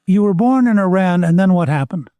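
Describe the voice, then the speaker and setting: An older man hosting an interview podcast, asking questions in a measured, complimentary way. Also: high-pitched, lively intonation, dark tone, no echo. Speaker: podcast host. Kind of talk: interview talk.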